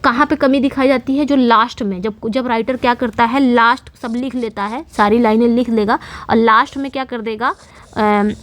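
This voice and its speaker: A woman's voice: a little high, steady tone, normal speed. A woman teaching English literature terms in an online lecture, repeating key points and answering her own questions. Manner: explanatory, repetitive, asks and answers own questions.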